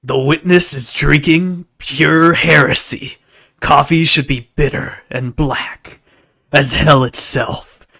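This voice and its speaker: A man's voice: fairly high pitch, fairly even intonation, slow, gravelly, sharp tone, breathy edge. A man giving casual, joking commentary while playing through a game, laughing often. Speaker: game streamer. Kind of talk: casual let's play commentary.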